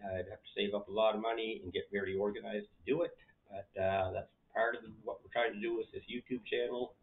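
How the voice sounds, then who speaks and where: A middle-aged man in his living room, talking casually to the camera as a channel host, relaxed and rambling, with plenty of fillers. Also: fairly low pitch. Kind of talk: casual vlog talk to camera. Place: living room at home, indoors. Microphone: camera in front of him. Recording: tinny phone-like sound.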